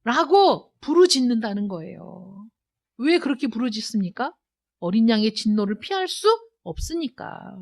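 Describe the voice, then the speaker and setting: A woman pastor preaching a sermon in a church, emphatic and full of rhetorical questions, moving between loud urging and quiet asides. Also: a little high, big pitch swings, moderate pace, gravelly. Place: church sanctuary.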